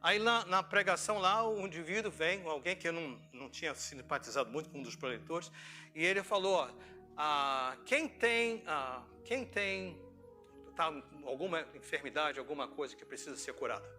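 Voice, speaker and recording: With faint music behind him, a middle-aged Brazilian pastor preaches informally, sharing personal anecdotes. His voice is a little high, bright and forceful, with lively intonation at a normal speed. He acts out dialogue, asks rhetorical questions, and keeps the storytelling conversational.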